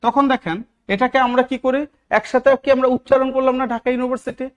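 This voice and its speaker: A man's voice: very high-pitched, steady tone, fast talker, lo-fi sound. A man teaching English grammar in a live online class, often asking his students questions and repeating key words. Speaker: English teacher for job exams.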